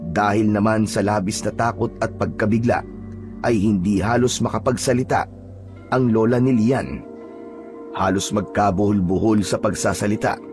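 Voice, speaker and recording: A man narrating a scripted horror story in a measured, dramatic way. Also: lowish voice.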